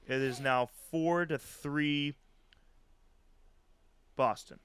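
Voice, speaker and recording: Man, podcast co-host, casual baseball recap, very clear voice, dry close mic. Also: a little high, drawn-out words, a bit bright, no echo. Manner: play-by-play recapping with chuckles.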